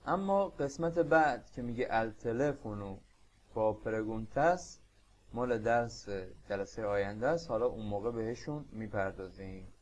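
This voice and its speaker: A Persian-accented man teaching a beginner language lesson, explaining patiently and repeating phrases slowly. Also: lowish voice. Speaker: Spanish teacher.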